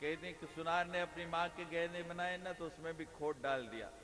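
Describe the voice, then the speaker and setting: Man giving a spiritual discourse, jokey stories, asks the crowd stuff, bright voice, big echoey hall. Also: on the high side, fairly even intonation, moderate pace. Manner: jokes and asks the audience questions. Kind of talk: devotional discourse with humorous storytelling. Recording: long hall reverb, faint music.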